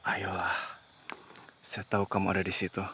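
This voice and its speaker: A man hosting a ghost-hunting vlog outdoors at night, talking to viewers in a tense, hushed way as he explores. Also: low voice, monotone, normal speed, slight background noise. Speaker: paranormal investigator host.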